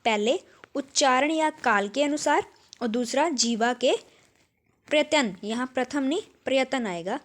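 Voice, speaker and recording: High-voiced Punjabi woman teaching. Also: expressive, normal speed. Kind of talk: exam-prep grammar lesson.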